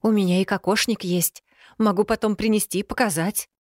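A woman voicing a young bride who babbles flippant nonsense in a higher, lively voice. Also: a little fast, no room sound, clean studio sound, lightly acted.

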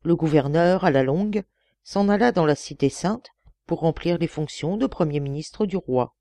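A woman narrating an audiobook with expressive storytelling. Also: sits low, normal speed, dry recording. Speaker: audiobook reader.

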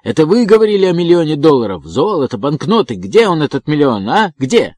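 A man voicing a frantic, greedy male prisoner who shouts in a breaking voice, in an audiobook. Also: mid-range voice, very animated, slow pace, no room sound. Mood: furious.

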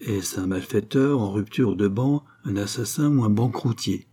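A man's voice: fairly low pitch, moderate pace, warm tone, husky. A man voicing a fawning, sly middle-aged hotel keeper in a storybook reading, obsequious and confiding. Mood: confidential.

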